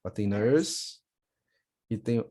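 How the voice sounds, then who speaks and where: A young man with a Brazilian accent teaching English to children in a video call, patiently repeating words slowly. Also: lowish voice, mellow, slight background noise. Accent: Brazilian Portuguese. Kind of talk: online class for children.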